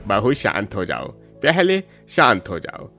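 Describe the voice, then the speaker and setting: Man voicing a kind middle-aged cartoon father-in-law, reassuring, animated intonation. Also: on the low side, takes it slowly, gravelly, soft background music, full character voice. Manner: soothing, reassuring.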